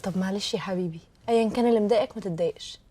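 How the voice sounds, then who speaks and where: A woman's voice: mid-range voice, very fast, dark tone, a little hiss or hum, lightly acted. A woman playing an anxious placating young wife. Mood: soothing. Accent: Egyptian Arabic. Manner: soothing, placating. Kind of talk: TV comedy series acting.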